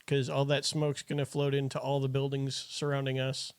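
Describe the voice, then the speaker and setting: A man's voice: mid-range voice, completely flat delivery, normal speed, smooth, no room sound. A man playing a tabletop game, practical and questioning the group's plans. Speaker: player. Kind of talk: casual tabletop play.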